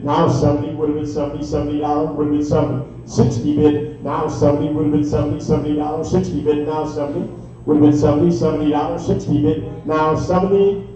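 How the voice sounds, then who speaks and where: A man working as an auctioneer, calling bids live in a rapid, repetitive chant with filler phrases. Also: fairly high pitch, warm tone. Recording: echoey distant dull room sound, faint music.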